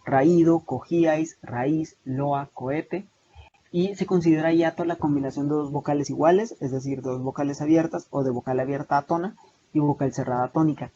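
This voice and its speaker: A young online tutor with a Salvadoran Spanish accent walks through a lesson on a video call, his voice a little high, mellow and steady in tone. Though he keeps a steady pace, he hesitates and restarts a lot, and the lo-fi, dull-sounding call carries a faint hiss.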